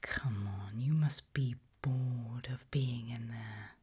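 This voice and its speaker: Slow, careful instructions come in a very breathy, mostly unvoiced whisper from a woman acting as a medical examiner for ASMR. She takes her time, and her low, soft tone is courteous while remaining calmly eerie.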